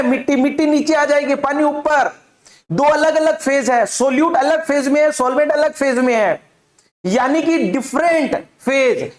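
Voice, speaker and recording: A man teaching a chemistry lesson, asking his own questions and answering them, repeating key terms. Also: very high voice. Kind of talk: classroom lecture with demonstration. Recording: echoey room.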